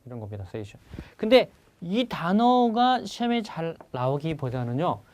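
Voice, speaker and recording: A man's voice: on the high side, very animated, a little slow, a little mellow. A man teaching an exam-prep vocabulary lecture who keeps asking his students questions and repeats each key word.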